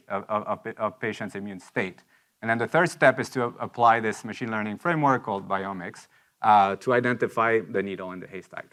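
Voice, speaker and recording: A man giving a rushed startup lightning talk, halting and repeating words as he presents technical material. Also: mid-range voice, a bit bright. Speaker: anesthesiologist.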